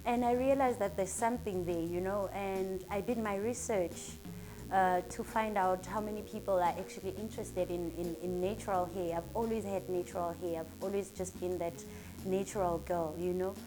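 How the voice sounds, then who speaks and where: Here a woman speaks at a moderate pace with medium pitch and fairly even intonation against a noisy background. She is a Durban salon owner in her thirties with a South African accent, answering interview questions in an earnest, upbeat, motivational manner.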